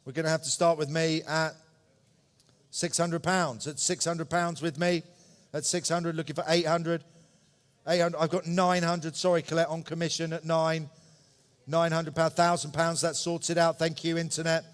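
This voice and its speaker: A live auctioneer with a slightly higher-than-average voice and little pitch movement calls bids, repeating numbers in short, brisk bursts and adding polite asides to bidders. A long reverb from a large indoor hall hangs on the sound.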